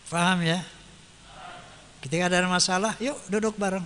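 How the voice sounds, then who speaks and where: Guy preaching a sermon, pretty high voice, asks stuff then answers it, big echoey hall. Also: fairly even intonation, normal speed, fairly bright tone, a little hiss or hum. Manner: asks rhetorical questions and answers them himself; chants Arabic verses then translates them. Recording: long hall reverb.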